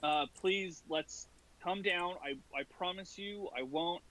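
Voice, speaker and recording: Man, fairly high voice, tabletop player, casual, hesitant, improvised role-play. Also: a little slow, pushed and bright, low-quality recording.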